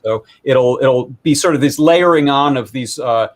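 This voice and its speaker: A maker presents his hobby electronics project in a casual, informal live demo, rambling through the technical details with self-deprecating humor. He has a mid-range voice and speaks at normal speed.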